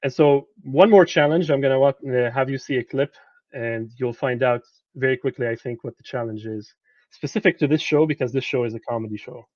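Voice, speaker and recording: A man's voice: medium pitch, fairly quick, a little mellow, no echo, muffled recording. A man presenting a lecture on translation to students, speaking conversationally and often repeating words as he searches for them.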